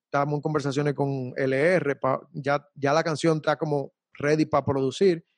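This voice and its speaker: A man's voice: on the high side, flat delivery, normal speed, no echo. A young man, a salsa singer talking casually and animatedly in an interview, full of slang and repeats. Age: young adult.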